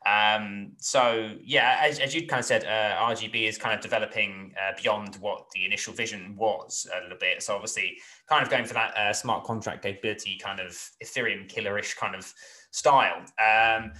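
A man's voice: on the low side, steady tone, moderate pace, bright, forceful tone, rough recording. A man hosting an interview, asking rambling questions full of hedges and fillers. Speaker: interview host.

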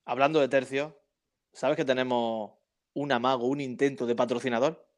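Casting note: man, chatty storyteller, medium pitch, casual football podcast co-host. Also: steady tone, normal speed. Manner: chatty storyteller, frequent tag questions.

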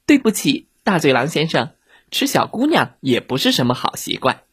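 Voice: mid-range voice, big pitch swings, moderate pace, husky, no echo, clean studio sound. A storyteller voicing a clever, cheeky little girl who feigns innocence, in a children's audio story. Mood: cheerful.

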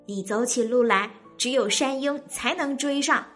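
A woman's voice: high-pitched, normal speed, a bit bright, faint music behind. Sly little rabbit, voiced by a woman. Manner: sly, playful. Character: small clever male rabbit.

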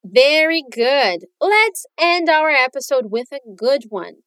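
Casting High-pitched woman podcast teacher, clear and encouraging, dry close sound. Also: very animated, slow, fairly bright tone, no room sound. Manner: clear, upbeat teacher modeling phrases for repetition. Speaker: English teacher, podcast host. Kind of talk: bilingual language lesson podcast. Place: lives in New Zealand.

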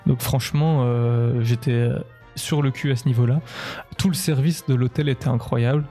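A man's voice: medium pitch, steady tone, moderate pace, mellow, soft background music. A man hosting a podcast in casual chat, chatty and enthusiastic, with many hesitations. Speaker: podcast host.

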